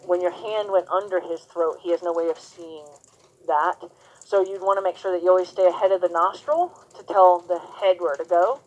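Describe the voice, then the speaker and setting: A woman teaching horsemanship, talking softly and soothingly to a horse while coaching a student. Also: on the low side, moderate pace, lo-fi sound. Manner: soothing and gentle. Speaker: horsemanship instructor. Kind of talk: hands-on coaching lesson.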